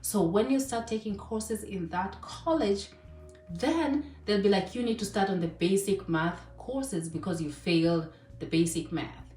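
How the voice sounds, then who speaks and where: A woman's voice: medium pitch, expressive, a little slow, a little mellow, soft background music. A woman from Kenya giving casual advice in a chatty way, full of fillers and asides. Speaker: vlogger. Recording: echoey room, voice a bit distant.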